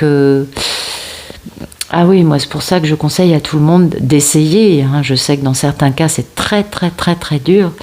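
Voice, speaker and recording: A woman with a French accent giving a casual tarot reading, often pausing to find her words and talking straight to her viewers. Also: low-pitched, a little mellow. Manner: searching for words, many fillers and restarts; addresses viewers directly, seeking agreement. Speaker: tarot card reader.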